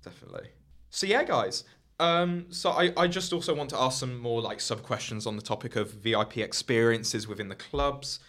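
A man's voice: medium pitch, expressive, moderate pace, a bit bright. A young man hosting a casual podcast chat, talking loosely with lots of fillers. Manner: chatty, heavy use of "like" and "you know". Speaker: podcast host. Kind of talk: casual discussion.

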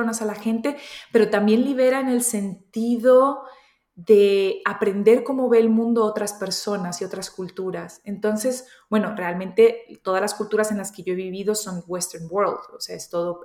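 In an echoey room, a woman in her thirties from Colombia answers interview questions with a medium-pitched voice. Her accent combines Colombian and Spain Spanish. She is reflective in this conversational interview, thinking aloud and restarting sentences often.

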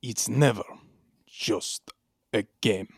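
A man playing a stern Soviet handler, speaking gravely and deadpan. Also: fairly low pitch, slow pace, full character voice.

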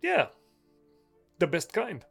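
A woman improvises casual in-character chat as a player in a tabletop game. She is effusive and jokey, and her pitch moves around a lot. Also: wildly swooping pitch, slow, vocal fry, fairly bright tone, breathy edge, soft background music.

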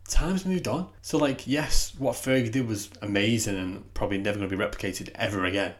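A man's voice: on the low side, fairly quick. A man co-hosting a podcast in casual football chat, opinionated and rambling, often calling his friend "mate". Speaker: podcast co-host.

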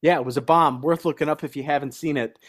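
A man's voice: fairly high pitch, steady tone, fast. A man co-hosting a casual sports podcast, ranting in a heated, indignant way. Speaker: podcast co-host.

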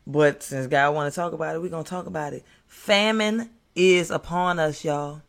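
A man's voice: fairly high pitch, normal speed, creaky. An American man preaching an impromptu, fiery sermon in the manner of a doomsday street preacher, emphatic, repeating phrases and addressing listeners directly.

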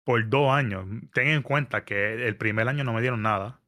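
A man, telling a story in casual podcast chat, animated and mixing in English words. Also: medium pitch, normal speed. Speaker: podcast guest. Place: New York area.

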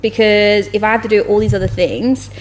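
A woman's voice: medium pitch, fairly quick, slight background noise. Rambling, sweary woman co-host. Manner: rambling, blunt and sweary, animated retellings. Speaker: podcast co-host. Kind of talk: casual chat.

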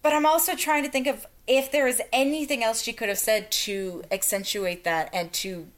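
A woman's voice: fairly high pitch, steady tone, normal speed. A woman co-hosting a podcast, discussing a TV episode with dry, wry analysis. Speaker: podcast co-host. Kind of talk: casual chat about a TV episode.

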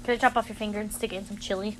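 A woman's voice: medium pitch, fairly even intonation, racing, fairly bright tone, a little hiss or hum. A young woman co-hosting a casual podcast, a bit tipsy, laughing and stumbling as she reads aloud. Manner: laughs a lot, stumbles reading aloud, swears. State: feeling tipsy and queasy. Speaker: podcast co-host. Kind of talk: casual chat.

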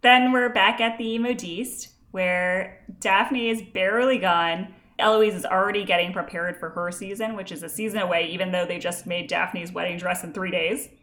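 A woman's voice: on the low side, fairly even intonation, normal speed, few pauses, fairly bright tone. A woman co-hosting a podcast, chatting casually about a TV episode and laughing often. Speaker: podcast co-host. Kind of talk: casual chat recapping a TV episode.

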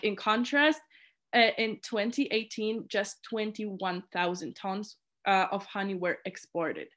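In a medium-pitched, fairly bright voice, a young adult woman from Poland chats in an interview as a committee chair. Polish is her native language, and her relaxed talk is peppered with "like" and false starts.

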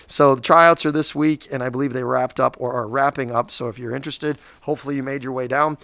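A man's voice: medium pitch, steady tone, fast, creaky, a bit bright, dry recording. A man in his forties rambles through school news on a casual podcast, often restarting his sentences. His voice sits in a middle range and is recorded dry and close, with no room sound. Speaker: school district podcast co-host. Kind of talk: casual chat.

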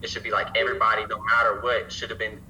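Animated young man, bright casual voice. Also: fairly low pitch, fast talker, a little hiss or hum, rough recording. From Alabama, US. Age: young adult. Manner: animated, swears freely, keeps saying "you feel me". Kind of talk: casual chat.

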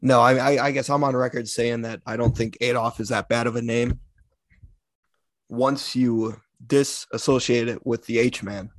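A man co-hosting a casual podcast, with a middling pitch and a dry, wisecracking, laid-back delivery. He sounds close to the mic in a dead, echo-free room. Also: steady tone, moderate pace. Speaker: podcast co-host.

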